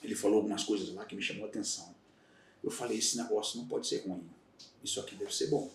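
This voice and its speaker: A Bahian man from Salvador, Brazil, speaks fast in a fairly low voice. He's a retired federal police agent appearing as a guest on a casual podcast interview, telling candid, reflective stories and often restarting his sentences. The room echoes and he sounds distant from the mic.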